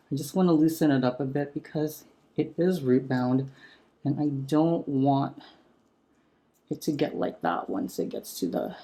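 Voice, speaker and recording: A man talking casually while repotting a houseplant at home, gently enthusiastic, speaking into a sensitive close mic turned up for ASMR. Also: medium pitch. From San Francisco area. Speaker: plant vlogger. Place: home room with a chandelier.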